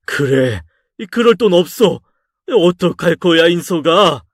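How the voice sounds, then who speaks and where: A man's voice: a little high, measured pace, no echo, studio quality, pitched above the performer's own voice, natural voice. A man doing a stern scolding father. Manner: raised, scolding and exasperated. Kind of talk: audio drama story reading.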